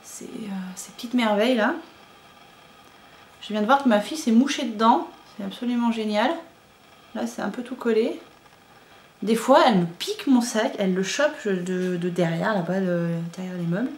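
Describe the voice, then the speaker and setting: A woman's voice: medium pitch, normal speed. A woman in her thirties, chatting casually as a knitting podcaster, rambling with many fillers and asides. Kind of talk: casual chat showing yarn to camera. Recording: echoey room with faint ambient noise.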